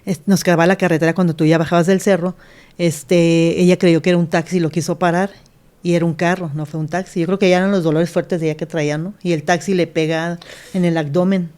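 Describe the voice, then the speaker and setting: This pastor talks at a quick pace in a lowish, slightly mellow voice with little pitch movement. A middle-aged interview guest, she earnestly narrates her life and acts out the voices of those she describes.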